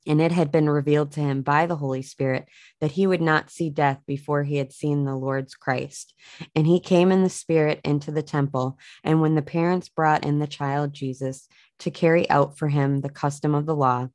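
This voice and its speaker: Low-voiced woman reading scripture aloud. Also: darkish tone, dry recording. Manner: earnest, halting with fillers when speaking off the cuff. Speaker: podcast host reading scripture. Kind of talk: Bible reading with informal reflection.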